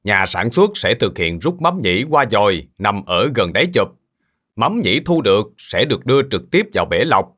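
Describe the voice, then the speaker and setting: A man voices a kindly middle-aged uncle in a cartoon, a fish sauce maker who patiently explains things to children in an instructive way. His lowish voice is very animated and a bit bright, moving at a moderate pace.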